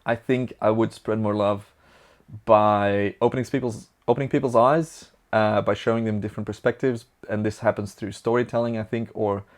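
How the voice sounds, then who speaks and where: A young Flemish-accented man from Belgium, a native Dutch speaker, answers viewer questions as a vlogger. His voice is fairly low and steady at a normal pace, and he comes across chatty, upbeat and rambling.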